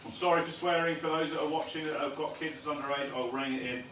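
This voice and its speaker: A man's voice: a little high, steady tone, quick pace, fairly bright tone. Man, live cooking stream, swearing banter, echoey kitchen, noisy background. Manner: chatty, swears, banters with viewers. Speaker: home cooking host. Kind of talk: live cook-along stream. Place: home kitchen. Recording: roomy kitchen with background noise.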